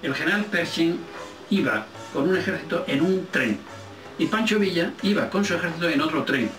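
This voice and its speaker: An older man with an accent from Spain, a film director telling casual anecdotes in an interview, halting as he searches for words. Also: fairly high pitch, expressive. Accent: Spanish, from Spain. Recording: roomy, distant microphone, faint music.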